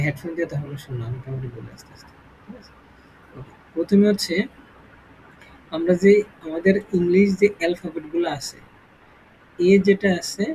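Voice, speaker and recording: A man teaching English pronunciation in an informal spoken lesson, explaining slowly and often checking in with the student. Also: sits high, darkish tone, slight background noise, rough recording.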